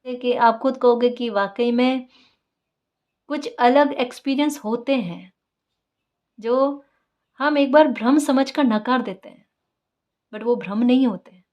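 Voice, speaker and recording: A woman with a slightly raised pitch talks her listeners through a tarot reading in an easy, conversational way. She coaxes and encourages them, keeps checking in with "right?", and repeats her main points to drive them home. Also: slow, pauses often, lo-fi sound. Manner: encouraging, repeats key phrases. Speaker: tarot reader. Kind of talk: casual spiritual guidance talk.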